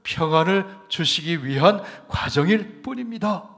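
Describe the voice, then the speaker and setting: Korean pastor preaching in a reverberant hall. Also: male voice, high voice, expressive, measured pace. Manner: swings from loud emphatic proclamation to hushed near-whispered lines; calls congregation to say amen and repeat after him. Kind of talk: sermon. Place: church sanctuary.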